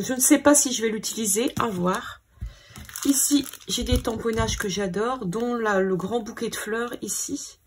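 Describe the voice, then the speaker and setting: A woman's voice: fairly high pitch, slightly rough. A woman hosting a scrapbooking video, thinking aloud in a hesitant, casual way as she sorts her papers. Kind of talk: casual crafting commentary.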